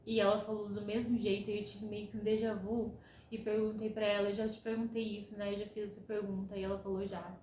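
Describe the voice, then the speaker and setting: A woman's voice: medium pitch, fast talker, hardly any pauses, echoey room, slight background noise, poor audio. A young Brazilian woman telling a personal story in a chatty way, acting out the lines of people she quotes. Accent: Brazilian Portuguese. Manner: relaxed, chatty, acts out quotes. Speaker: vlogger.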